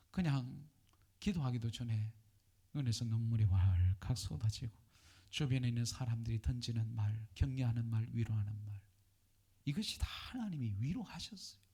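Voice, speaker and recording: Korean pastor guy preaching, gravelly dark voice, goes all whispery at the emotional bits. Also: mid-range voice. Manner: impassioned preaching, drops to hushed whispers for emphasis. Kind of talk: sermon.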